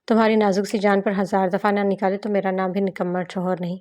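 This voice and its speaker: A woman's voice: mid-range voice, flat delivery, darkish tone, natural voice. A woman voicing a playful, teasing young husband while reading a novel aloud. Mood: longing.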